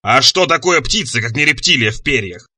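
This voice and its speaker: A man voicing a huge, boastful scaly monster that roars its lines slowly and menacingly. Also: medium pitch, lively intonation, slightly rough, no room sound, clean studio sound, exaggerated voice. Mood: roaring. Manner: roaring, loud, slow and menacing.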